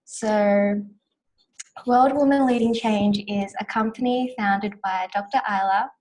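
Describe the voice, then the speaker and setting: Hosting an online conference, a young woman from Australia, in her twenties, speaks from a small room through her webcam on a video call. Calm, soft counting guides a breathing exercise before she turns to warm words of welcome for everyone. Her mid-range voice moves slowly, and the recording is rough.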